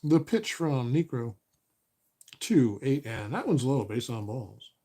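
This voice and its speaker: At a slow pace and medium pitch, a man hosts play-by-play of a tabletop baseball board game replay. He's relaxed, reads out stats and corrects himself, and his voice becomes a little raspy.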